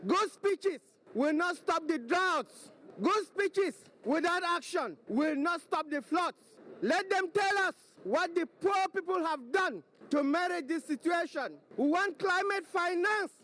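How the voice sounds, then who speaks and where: A man's voice: very high voice, expressive, measured pace, bright, forceful tone. A man giving an emphatic, rhetorical protest speech into a handheld mic in a crowded conference hall. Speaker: protest speaker.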